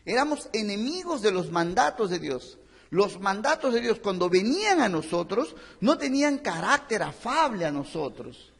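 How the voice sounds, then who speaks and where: A pastor preaching earnestly, his voice high and swinging with great animation. A husky edge sits on his tone, and the church hall adds a long reverb. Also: very animated, normal speed. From Peru. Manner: earnest, addresses listeners as brothers, acts out stories. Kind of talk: sermon.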